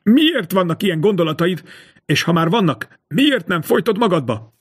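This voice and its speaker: A man's voice: high-pitched, very animated, breathy edge, full character voice. A man voicing a nervous, greedy innkeeper who stammers and blusters in an audiobook. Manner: shaky, hesitant, blustering.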